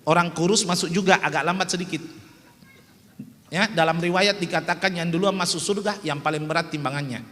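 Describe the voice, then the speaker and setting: A man's voice: on the high side, a little fast, pushed and bright. A man preaching a humorous sermon in a small prayer hall, joking and teasing his audience.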